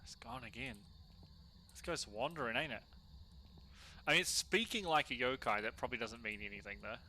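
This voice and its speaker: A man doing casual solo gameplay commentary, chatty and slangy as he thinks out loud. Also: medium pitch, animated, a little fast, vocal fry, slight background noise. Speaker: gaming streamer.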